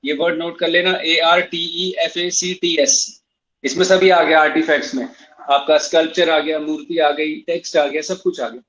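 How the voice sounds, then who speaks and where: An English literature teacher with a high, fairly bright voice speaks at normal speed and with fairly even intonation in a classroom that's also broadcast online. He switches between Hindi and English, spells terms letter by letter, and repeats each point. The recording comes across dull and lo-fi.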